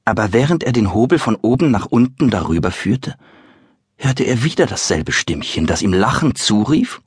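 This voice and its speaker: A man's voice: fairly low pitch, breathy edge, no echo. A man narrating a children's storybook, speaking directly to young listeners in a playful way on a close mic. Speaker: audiobook narrator.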